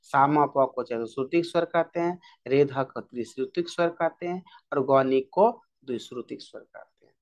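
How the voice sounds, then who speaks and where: A male music teacher giving an exam-prep lesson, repeating key terms over and over in a drill style. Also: medium pitch.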